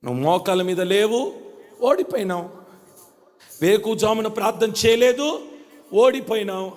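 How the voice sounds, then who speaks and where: A man preaching a Pentecostal sermon to a church congregation, repeating phrases and calling for responses, swinging between shouts and quiet, low passages. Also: normal speed, big-room sound. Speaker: pastor. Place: church service.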